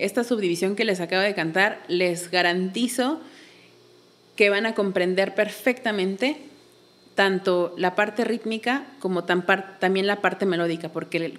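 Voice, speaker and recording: A woman's voice: mid-range voice, fairly bright tone. A woman, a belly dance teacher, explaining patiently in a casual interview and counting beats aloud.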